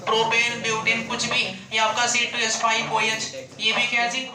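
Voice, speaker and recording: This male chemistry teacher has a very high-pitched voice and a completely flat delivery at a moderate pace. Lecturing to students, he asks questions, supplies the answers, and goes over each point again, in an echoey room full of student chatter.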